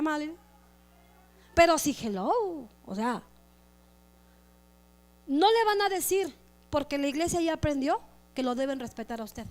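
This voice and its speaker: High-voiced woman pastor preaching. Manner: lively preaching, acts out church members in quick asides. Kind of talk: sermon.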